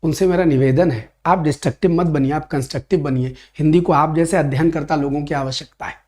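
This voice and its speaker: A man teaching a Hindi grammar class for an exam, lively and playful, reading out comments and answering them. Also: a little high, quick pace. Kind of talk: online exam-prep class.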